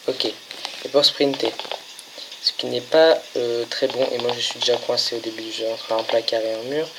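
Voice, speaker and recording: A man's voice: mid-range voice, little pitch movement. Hesitant French-speaking man over a noisy recording. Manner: hesitant, lots of filler pauses, stumbles reading English. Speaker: gaming channel host. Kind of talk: casual let's-play commentary.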